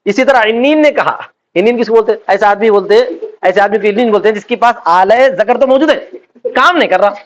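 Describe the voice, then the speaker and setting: High-voiced man teaching a class. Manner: asks students constant check questions; acts out quoted speech in everyday voices. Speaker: religious teacher. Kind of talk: classroom lecture on Islamic law. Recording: dull lo-fi lecture recording.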